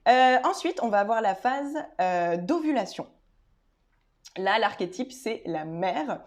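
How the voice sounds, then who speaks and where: A woman vlogger speaking straight to her audience in a loose, informal way. Her talk is full of filler sounds, restarts and little detours as she explains at a medium pitch. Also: animated, slow. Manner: chatty, many filler hesitations and restarts; addresses viewers directly and informally. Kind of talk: casual explanatory video talk.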